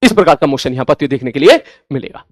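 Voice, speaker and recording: A man's voice: on the high side, very animated, racing, dry recording, studio quality. A man teaching physics online to his class, blunt and stern, repeating points for emphasis. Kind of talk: scolding lecture to an online class.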